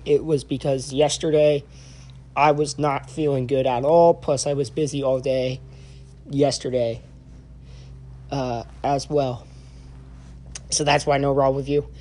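A young man giving a casual spoken review, halting and full of filler sounds and restarts. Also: fairly high pitch, fairly even intonation, dark tone. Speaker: wrestling show reviewer.

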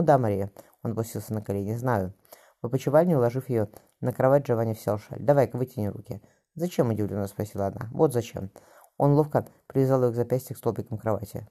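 A man narrating a romance novel as an audiobook reader, voicing both lovers' dialogue himself. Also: dark tone. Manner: voices both lovers in dialogue with raised pitch.

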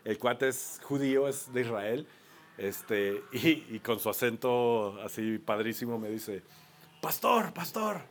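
A man with a Mexican accent preaching a sermon, an animated storyteller who often repeats his words. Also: fairly low pitch, a little slow, slight background noise. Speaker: pastor.

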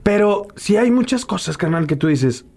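Crude joking Mexican man, lively high voice. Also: moderate pace, creaky. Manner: crude, joking, swears freely. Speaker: podcast co-host. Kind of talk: casual comedic chat.

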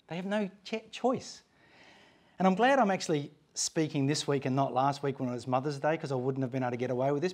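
A man in his forties giving an informal church talk, telling funny family stories and acting out the voices of the people in them. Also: on the high side. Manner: animated storytelling, acting out quoted voices. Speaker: guest speaker at a church. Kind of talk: informal sermon with humorous anecdotes.

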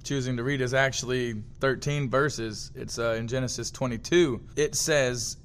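A man reading a long scripture passage aloud in a steady, measured way. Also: mid-range voice, smooth. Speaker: scripture reader.

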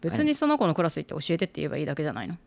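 A woman's voice: sits low, very animated, racing, vocal fry, a little mellow. A woman co-hosting a casual chat, teasing and questioning with frequent nods. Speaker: podcast co-host.

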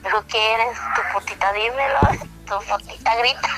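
A woman with a Mexican accent telling an intimate first-person story over a phone call, halting and sighing, with many restarts. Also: fairly high pitch, gravelly, bright, forceful tone, soft background music. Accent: Mexican Spanish. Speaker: caller telling her story.

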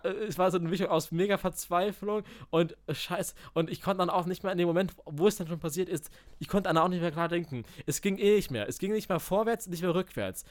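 A man telling a story in casual chat, animated, acting out quotes, swearing and laughing. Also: high-pitched, a little fast, hardly any pauses. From village.

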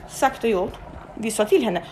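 A young woman telling a story in casual, animated speech, swearing freely and acting out the people she quotes. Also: a little high, slight background noise.

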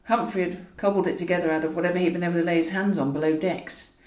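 A woman with a fairly low, steady, slightly mellow voice reads her own audiobook quickly. She narrates scripted fiction in a wry, wordy storytelling manner, and the recording sounds roomy and echoey, as if she's distant from the mic.

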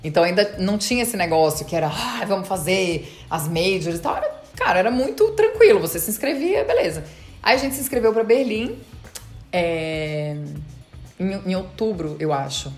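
A woman guest on an interview podcast, casually recounting her story in a fast, chatty way and quoting past conversations. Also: lowish voice, lively intonation, a little mellow, faint music behind. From Brazil. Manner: fast, chatty retelling with quoted dialogue. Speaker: dentist and marathon runner.

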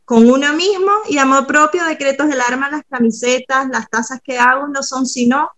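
A woman from Cuba chatting as a podcast guest, talking through her daily habits and often slowing down to explain them. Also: sits high, fairly bright tone. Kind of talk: casual podcast chat.

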